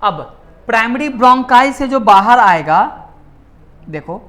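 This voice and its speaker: A man's voice: very high voice, expressive, unhurried, a bit bright. A male teacher giving a classroom lecture in Hindi mixed with English terms, often repeating key words and answering his own questions. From India.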